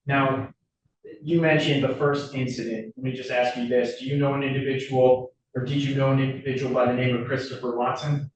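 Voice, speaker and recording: A man's voice: mid-range voice, little pitch movement, fairly quick. Guy prosecutor asking formal court questions, stops and rewords, super echoey, noisy room. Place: indoor courtroom. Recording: very echoey courtroom, distant mic, clear noise.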